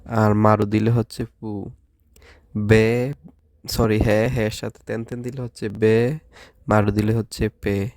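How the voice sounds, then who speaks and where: ধীরে বলা ধৈর্যশীল পুরুষ শিক্ষক. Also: male voice, lowish voice, level tone, a little mellow, no echo, clean studio sound. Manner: slow, patient, drills syllables one by one and asks the class questions. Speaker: language teacher. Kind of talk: Japanese lesson with drilled syllables.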